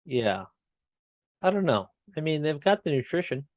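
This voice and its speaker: A man's voice: fairly high pitch, very animated, normal speed, darkish tone, no room sound, studio quality. A man co-hosting a casual podcast, blunt and self-mocking, swearing easily. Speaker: podcast co-host. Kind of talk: casual chat.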